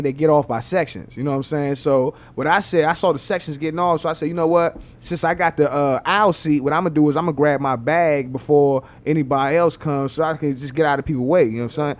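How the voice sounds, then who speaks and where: A male podcast host with a high voice who talks at a rapid clip. He is loud and excitable and peppers his stories with swearing. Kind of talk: animated storytelling chat.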